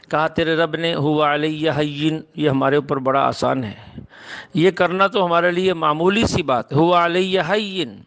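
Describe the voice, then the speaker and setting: A man teaching a Quran translation lesson, reciting each phrase slowly, then explaining its meaning in plain speech. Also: fairly high pitch, a bit bright, clean tone. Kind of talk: word-by-word scripture translation lesson.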